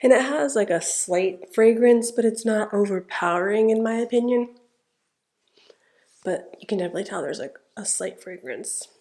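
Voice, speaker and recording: A beauty vlogger with a stuffed-up nose chats through a casual makeup tutorial, narrating each step with fillers. Her voice is medium-pitched and moderately paced, and her manner is chatty and relaxed.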